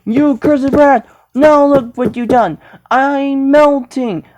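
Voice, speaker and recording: Woman acting as a wailing, high-pitched wicked witch. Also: a little mellow, highs cut off. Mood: outraged, despairing. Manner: theatrical, drawn-out wailing. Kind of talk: improvised character play.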